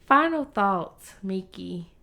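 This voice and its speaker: A tired woman co-hosting a casual podcast chat, speaking quietly with a fading delivery and casual swearing. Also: mid-range voice, animated, slow, vocal fry. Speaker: podcast co-host.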